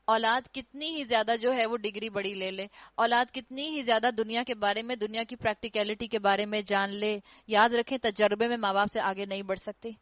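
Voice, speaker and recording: A woman's voice: mid-range voice, steady tone, few pauses, fairly bright tone, no echo. A woman giving an earnest religious lecture to girls in Pakistani Urdu, admonishing and acting out children's retorts. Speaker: Quran teacher.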